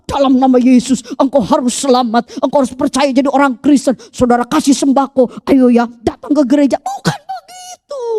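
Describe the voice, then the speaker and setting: Woman preacher, East Javanese accent, very high voice, lively pitch, dry close sound. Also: dry recording. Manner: animated storytelling preacher, addresses congregation as Saudara. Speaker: pastor. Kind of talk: sermon.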